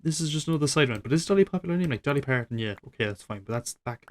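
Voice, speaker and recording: A nineteen-year-old man rambling reflectively over gameplay, self-deprecating and swearing casually, his voice trailing off quietly. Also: medium pitch, animated, very fast, a little hiss or hum. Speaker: gaming YouTuber.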